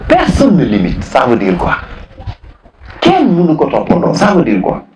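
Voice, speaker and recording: A man's voice: a little high, wildly swooping pitch, moderate pace, darkish tone, echoey room, slight background noise, poor audio. A man teaching a philosophy class, repeating key phrases, questioning students and switching between French and Wolof. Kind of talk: classroom lesson.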